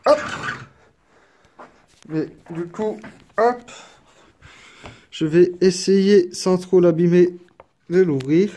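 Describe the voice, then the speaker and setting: A man casually presenting a collector's edition, chatty and apologetic, filling pauses with little interjections. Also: high voice, dark tone, slight background noise. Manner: unhurried, chatty, filler-heavy with frequent "hop" and "donc"; apologetic and self-deprecating. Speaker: unboxing video creator. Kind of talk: casual unboxing commentary. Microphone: camera mic, filming one-handed.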